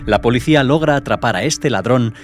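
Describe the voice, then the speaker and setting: A man's voice: medium pitch, brisk. A man reading scripted countdown narration in dramatic, florid language. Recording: voice-over under loud music.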